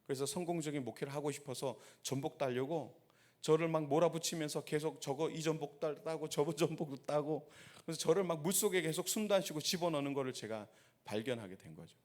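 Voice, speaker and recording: A man's voice: a little high, brisk, darkish tone. A man, a pastor, preaching a sermon and telling a story while asking the congregation rhetorical questions. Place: church sanctuary.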